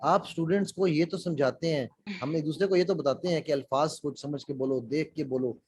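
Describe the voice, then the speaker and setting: A man's voice: a little high, a little fast, darkish tone, a little hiss or hum, poor audio. A man leading an interactive speaking workshop on a call, asking the class questions and mixing in English phrases. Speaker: public speaking trainer. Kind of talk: interactive online workshop lecture.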